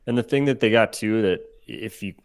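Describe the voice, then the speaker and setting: Young man, very deep voice, casual podcast guest, dry close sound. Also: brisk, dry recording. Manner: animated, acts out quotes in his stories. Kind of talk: casual storytelling.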